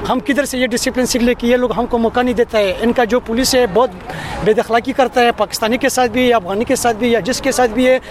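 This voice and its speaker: A man's voice: very high voice, steady tone, quick pace, hardly any pauses, a little hiss or hum. A man in his twenties from Afghanistan, a native Pashto speaker, earnestly pleading about his hardships in a street interview. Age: 20s.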